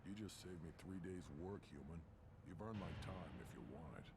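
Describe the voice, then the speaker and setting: A man playing a gruff, combative alien warrior mechanic in a video game, proud, curt and sardonic. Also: sits low, normal speed. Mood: gruff, impatient. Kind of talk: video game character acting. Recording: game ambience noise behind voice.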